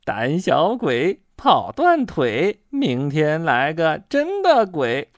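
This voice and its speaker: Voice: medium pitch, wildly swooping pitch, slow pace, no room sound. A storyteller voicing Tiaotiao, a cheeky young male rabbit who teases his friend. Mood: teasing.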